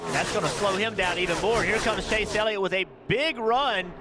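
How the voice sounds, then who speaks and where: A man giving live race commentary as an analyst, with loud cars roaring behind him. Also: high voice, moderate pace. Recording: loud car noise behind the voice. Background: loud race cars outdoors.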